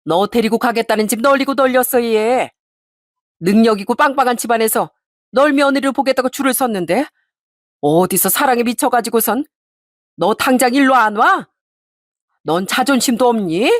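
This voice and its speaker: A woman voicing a snobbish, furious middle-aged mother of the bride who scolds and shouts with contempt. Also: fairly high pitch, lively intonation, normal speed, long pauses, no room sound, clean studio sound. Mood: screaming scold.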